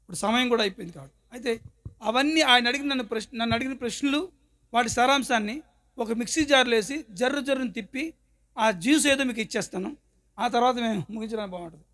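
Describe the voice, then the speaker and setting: A man's voice: extremely high pitch, fast, pushed and bright. A male pastor preaching his testimony, a dramatic storyteller who acts out the scenes. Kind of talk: sermon with personal testimony.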